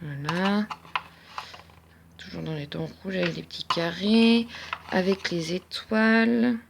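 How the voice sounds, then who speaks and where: A woman's voice: on the low side, slow, creaky, background noise. A woman chatting casually as she shows off her craft-supply haul, hesitating often with fillers. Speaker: crafting vlogger. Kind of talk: casual haul show-and-tell. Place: at home.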